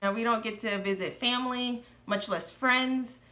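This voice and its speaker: A woman in her thirties speaks in a bright, clear voice, relaxed and conversational. She is candid and earnest as she lays out her story, casual rather than polished. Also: a little high, moderate pace. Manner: earnest, candid, laughs nervously at times. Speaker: co-host of a personal finance channel.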